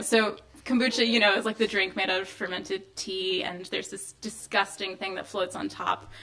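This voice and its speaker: A woman poet reading her own poems to a live audience indoors, measured and deliberate, with loose, um-filled asides between poems. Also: medium pitch, sharp tone. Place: indoor venue of a reading series.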